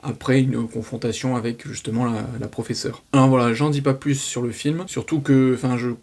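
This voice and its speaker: A man's voice: mid-range voice, fairly even intonation, brisk, a little mellow. Exasperated man ranting about films. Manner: exasperated ranting, many restarts and fillers. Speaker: film critic. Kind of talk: casual spoken film review.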